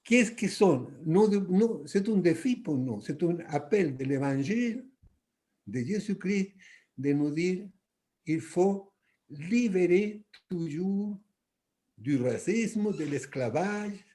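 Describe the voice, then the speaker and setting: His high, warm voice is animated as he reflects at a church workshop. The man, who has a Latin American Spanish accent, speaks halting non-native French, groping for words and going over the same phrases again.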